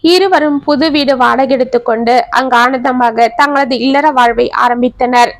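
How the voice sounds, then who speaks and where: A woman narrating a dramatic family story in an expressive, scripted way. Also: sits high, normal speed, no echo.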